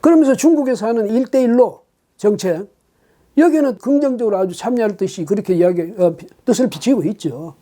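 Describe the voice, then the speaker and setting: Very dark-voiced male political commentator. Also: high-pitched, expressive, brisk. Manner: emphatic, with frequent rhetorical questions and hesitant fillers. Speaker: political commentator hosting his own channel.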